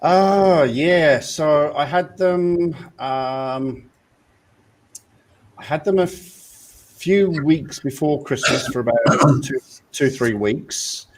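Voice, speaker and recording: A man's voice: on the high side, drawn-out words, a little hiss or hum. A man hosting a casual after-show chat, rambling and hesitant, with many fillers and restarts. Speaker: host.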